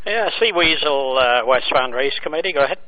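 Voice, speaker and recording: A man's voice: medium pitch, animated, brisk. A man on the race committee answers boats over a marine radio in brief replies with fillers. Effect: heard over a marine VHF radio. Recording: tinny two-way radio.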